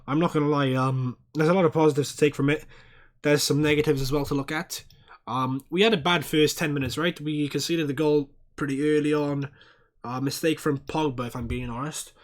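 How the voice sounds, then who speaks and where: A young man streaming a football watchalong, chatting casually and swearing, and breaking into loud high-pitched rants at fouls. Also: fairly even intonation, a little fast.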